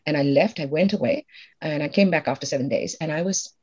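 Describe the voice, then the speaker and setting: A middle-aged woman calmly explaining advice step by step, mixing in stories from her own life. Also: low-pitched, fast talker, breathy edge, highs cut off. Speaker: guest expert on emotional intelligence. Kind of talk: conversational advice in an interview.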